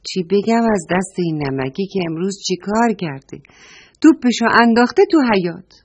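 A woman's voice: medium pitch, expressive, a little mellow, breathy edge, highs cut off. A woman voicing a cross, nosy older village woman who scolds and complains about a naughty boy. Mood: complaining.

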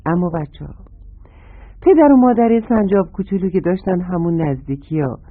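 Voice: medium pitch, dry recording. A storyteller narrating a children's story and fondly addressing the young listeners. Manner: gentle, fond address to children. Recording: tinny phone-like radio sound, dry.

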